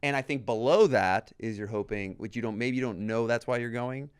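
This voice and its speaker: A man's voice: medium pitch, fairly quick, clear, resonant tone. A man hosting a podcast, eager and affirming as he chats with his guest. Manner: eager, affirming, laughs along. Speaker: podcast host. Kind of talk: casual conversation.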